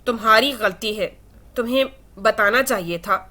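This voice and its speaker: A stubborn, emotional young woman in a read-aloud romance, proud and quick to hurt, as a woman reader puts her on. The voice is fairly high and bright. It is delivered as simple storybook reading. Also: lively intonation. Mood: pleading. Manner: defiant, then tearful and pleading.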